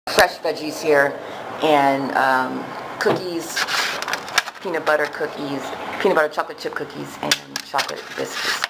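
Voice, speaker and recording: A mukbang host chatting casually while eating, pausing to chew between phrases. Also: mid-range voice. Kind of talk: casual eating vlog chat. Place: indoors at home with the door open. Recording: noticeable background noise, room ambience. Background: ambient noise, traffic from outside.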